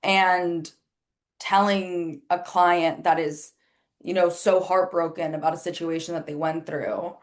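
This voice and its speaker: With a steady, unhurried delivery on the low side, a woman who speaks Spanish as her first language chats openly as a podcast guest in a casual interview. She works as an astrologer and life coach, fills her talk with "like," and plays out quoted remarks.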